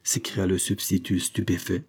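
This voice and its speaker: Man narrating an audiobook in a dark, husky voice. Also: deep voice, normal speed. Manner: steady literary reading.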